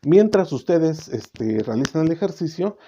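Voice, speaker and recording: A man teaching English grammar in a bilingual class, often checking in with "ok?" and slowing down to model English words. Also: on the high side, big pitch swings, mellow. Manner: switches between Spanish and English, checks in with "¿ok?". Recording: slightly dull recording with faint noise.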